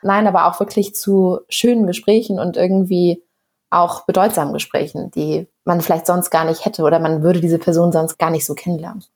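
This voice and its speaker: A woman in her thirties, a founder being interviewed, talking in a relaxed, chatty way and sometimes searching for words. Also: fairly low pitch, brisk. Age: 30s. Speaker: startup founder guest. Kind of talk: casual interview.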